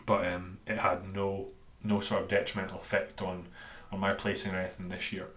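His voice is deep, level, a little fast, and a bit bright; he's a Scottish coach from Dundee hosting a solo podcast. The talk is casual, slightly rambling, and self-deprecating, with a roomy, echoey recording.

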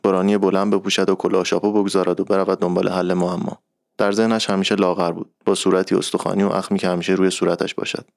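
A man narrating a literary short story in a calm, measured reading voice. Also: low voice, gravelly, no room sound, clean studio sound.

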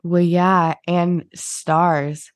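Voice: medium pitch, flat delivery, drawn-out words, no room sound, clean studio sound. A podcast co-host in casual chat, rambling and meandering, with frequent swearing.

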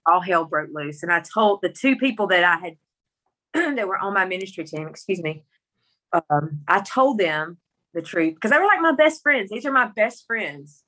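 Bright, forceful Mississippi country-accented woman. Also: lowish voice, expressive, normal speed. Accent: Mississippi Southern country. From Mississippi, rural United States. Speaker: interview guest telling her story. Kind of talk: personal storytelling in conversation.

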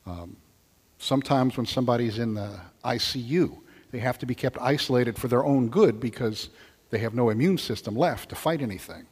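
A man's voice: medium pitch, moderate pace, breathy edge. An older man speaking as a deacon to a congregation in a church. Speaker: deacon giving gospel reading and homily. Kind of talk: liturgical reading and conversational homily. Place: large church, over a PA. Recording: long cathedral-like echo of a church.

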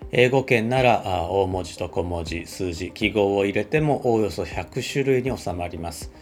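A man, a computer scientist, giving an explanatory talk at a measured pace with frequent filler words. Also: low-pitched, faint music behind.

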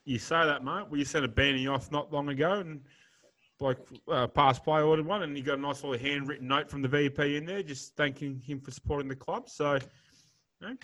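A man's voice: a little high, a little fast, fairly bright tone. An Australian man co-hosting a casual podcast, teasing his co-host and joking around.

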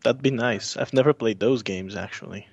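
A man's voice: mid-range voice, normal speed, creaky, no echo. A man co-hosting a podcast in casual, conversational talk. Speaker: podcast co-host. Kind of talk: casual chat.

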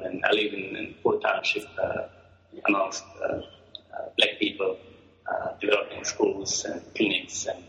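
A man's voice: on the low side, fairly bright tone, reverberant, lo-fi sound. A middle-aged man from Croatia, answering interview questions in a hesitant way with many fillers and restarts. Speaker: guest. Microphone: phone or call line.

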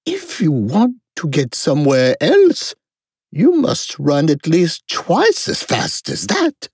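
A woman voicing a brisk, bossy chess-piece queen in a storybook reading, commanding and emphatic yet courteous. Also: low-pitched, wildly swooping pitch, a little mellow, slightly rough, no echo, clean studio sound, pitched below the performer's own voice, full character voice. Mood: imperious, brisk.

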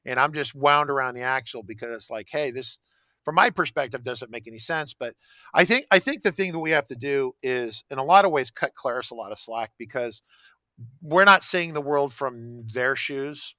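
A man with a bright, forceful voice talking casually, looping back to restart his sentences and tagging points with "right?". The sound is dry and close. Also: mid-range voice, lively intonation, normal speed, no echo. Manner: rambling, frequent restarts and "right?" tags. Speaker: podcast guest. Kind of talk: casual conversation.

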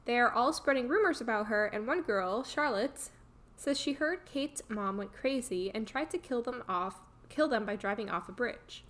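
Woman, podcast co-host, slightly high, giggly, casual plot recap. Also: expressive, moderate pace, fairly bright tone. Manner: giggly, self-mocking, summarizing chapters.

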